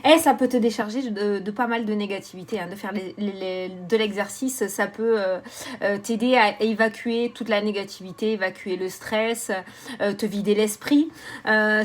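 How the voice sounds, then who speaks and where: In a casual chatty vlog, this southern French woman, who reads tarot, addresses the camera at medium pitch and normal speed. She's animated throughout, laughing, cursing, and making fun of herself.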